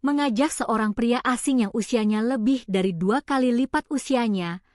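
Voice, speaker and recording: A woman reading a scripted story in a calm, steady storytelling voice. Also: a little high, normal speed, dry recording, studio quality. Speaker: narrator.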